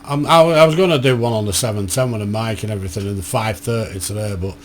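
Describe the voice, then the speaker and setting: A man's voice: fairly low pitch, quick pace, slight background noise. Tired, chatty man. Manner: chatty, rambling, blunt slang. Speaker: ham radio vlogger. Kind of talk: casual chat to camera. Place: home radio shack.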